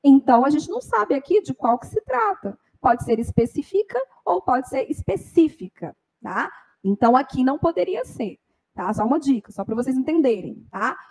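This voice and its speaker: A woman teaching a grammar lesson for exam preparation, explaining step by step and often checking in with a quick "tá?". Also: sits high, big pitch swings, darkish tone, slightly rough, poor audio. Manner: explanatory, frequent "tá?" tag questions.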